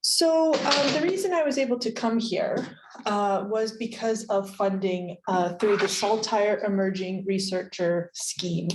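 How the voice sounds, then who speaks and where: Speaking a little slowly at medium pitch, an American woman gives a friendly, conversational research seminar in a university seminar room, using many fillers and laughing lightly. The sound is reverberant, with background noise.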